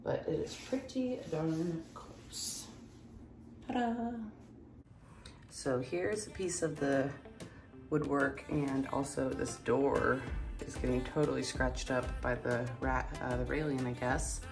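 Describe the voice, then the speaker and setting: A woman's voice: extremely low pitch, steady tone, slow pace. A woman vlogger talking casually while she works on a DIY project in a room of her house. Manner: casual, talks while working. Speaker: lifestyle vlogger. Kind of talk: casual on-camera DIY demonstration. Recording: echoey room with soft music.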